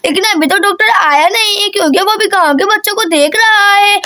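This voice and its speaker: A woman voicing a gentle young village mother who speaks in a quick, soothing way. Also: very high voice.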